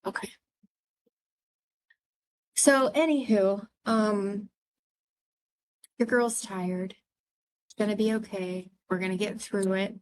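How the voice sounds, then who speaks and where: Female instructor, chatty and expressive, speaking over a video call. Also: mid-range voice, slow pace, long pauses, rough recording. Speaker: nursing clinical instructor. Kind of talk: casual chat before an online class.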